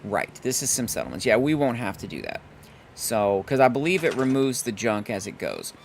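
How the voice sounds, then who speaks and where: A hoarse man casually commenting on his gameplay as a let's play host, thinking aloud and correcting himself. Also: mid-range voice, very animated, normal speed, slight background noise.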